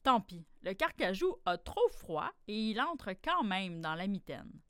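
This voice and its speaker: A woman, hosting a podcast and telling a story for children in a slow, expressive read-aloud voice. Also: mid-range voice, no room sound, studio quality.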